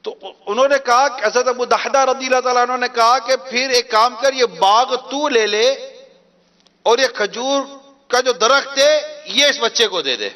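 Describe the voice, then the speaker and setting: A man's voice: extremely high pitch, bright, forceful tone. A man with a Pakistani Urdu accent giving a sermon, retelling a story and acting out its dialogue with rising emphasis. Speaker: preacher.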